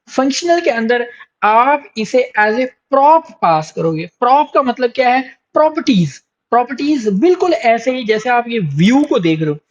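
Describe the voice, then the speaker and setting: A man's voice: high-pitched, rough recording. A man teaching programming in a coding tutorial. He explains step by step, repeats his points, and often stops to check in with the learner. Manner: explanatory, repeats points, frequent "theek hai" check-ins and hesitations. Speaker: programming instructor. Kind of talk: screen-recorded coding tutorial.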